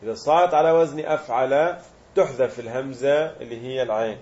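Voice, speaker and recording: A man's voice: mid-range voice, quick pace, darkish tone, dull audio. Male teacher quizzing his class. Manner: explains step by step, quizzing students. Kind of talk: Arabic grammar lesson.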